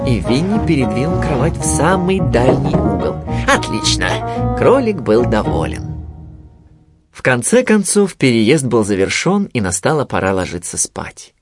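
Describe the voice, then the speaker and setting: Storybook narrator, man, lively lilting delivery. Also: medium pitch, moderate pace, over music. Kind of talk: storybook reading.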